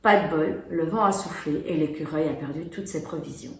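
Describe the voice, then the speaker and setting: In an echoey room with a little background noise, a woman with a gravelly, low-pitched voice speaks a bit fast. She is casually showing off children's board games, talking them through as she plays, in a chatty product demo.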